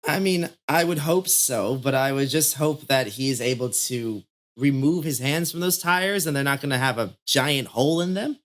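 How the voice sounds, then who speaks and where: A man's voice: medium pitch, moderate pace, fairly bright tone. Easygoing laughing male podcast host. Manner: laughs often, easygoing and playful; rambling, trails off mid-thought. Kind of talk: casual podcast chat.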